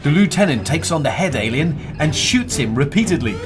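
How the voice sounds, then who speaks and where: A man's voice: fairly high pitch, sing-song, fairly quick, over loud music. A man narrating a homemade comic adventure story in a plain storytelling manner. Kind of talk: read-aloud comic story.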